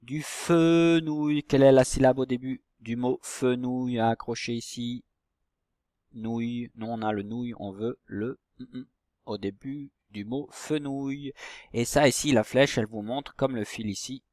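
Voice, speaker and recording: Man, primary teacher, slow patient delivery, drawn-out syllables, dry close sound. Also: medium pitch, steady tone, darkish tone, no room sound. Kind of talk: recorded reading lesson for young children.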